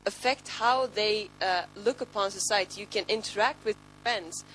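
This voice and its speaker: A woman's voice: mid-range voice, moderate pace, a bit bright, a little hiss or hum, poor audio. A woman from Finland with a Finnish accent, a youth party officer giving earnest advice in a panel statement. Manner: earnest, advising.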